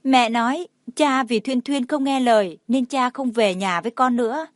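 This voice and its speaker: A woman voicing a tearful, clingy little boy who pleads with his father in a high, whiny voice. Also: steady tone, normal speed, no room sound, studio quality, close to an everyday voice. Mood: tearful pleading. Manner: high, whiny crying pleas.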